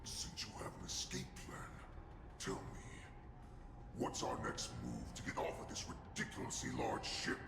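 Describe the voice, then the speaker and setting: Gravelly, menacing ancient wolf warlord. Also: male voice, wildly swooping pitch, heavily acted. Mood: imperious. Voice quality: deep gravelly growl. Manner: slow, grandiose, imperious. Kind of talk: dramatic game cutscene acting. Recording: echoey hall reverb, background noise.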